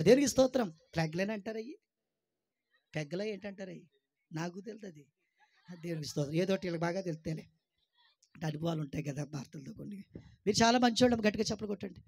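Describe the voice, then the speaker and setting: A man with a high-pitched voice delivers a lively sermon as a pastor. He keeps exhorting the congregation with rhetorical questions and calls for praise. He teases and jokes with his listeners along the way. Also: rapid-fire, gravelly. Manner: teasing, joking with listeners.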